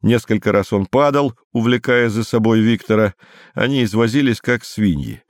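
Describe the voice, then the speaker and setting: A man reading literary prose aloud as an audiobook narrator, in a measured, grave manner. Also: on the low side, no echo, studio quality.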